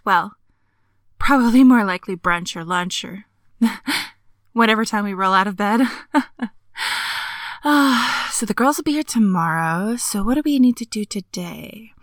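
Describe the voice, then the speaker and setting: A woman voicing a playful, teasing young woman just out of school, talking close to the mic in a breathy whisper with frequent giggles. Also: mid-range voice, dry recording, natural voice. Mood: cheerful. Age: young adult. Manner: giggly, coaxing, slow and drawn-out. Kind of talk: intimate audio roleplay.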